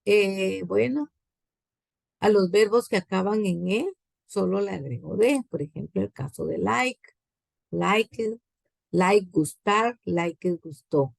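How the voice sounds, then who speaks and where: Slow gravelly Guatemalan woman teaching. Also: mid-range voice, no room sound. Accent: Guatemalan Spanish. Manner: slow, repeats example words with translations. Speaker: English teacher. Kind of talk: classroom grammar lesson.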